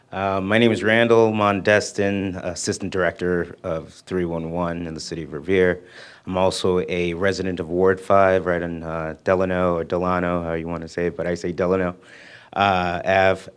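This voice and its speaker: A man with a very deep, flat voice explains things to residents at a community meeting. His talk is casual and full of fillers. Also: smooth. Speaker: city official presenting at a community meeting. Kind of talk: informal presentation.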